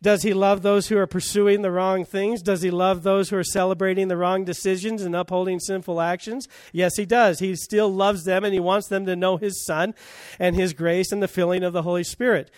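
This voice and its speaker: A man's voice: sits high, level tone, a little fast, few pauses, no echo, studio quality. A man preaching a sermon as pastor, emphatic and full of rhetorical questions, his volume rising and falling.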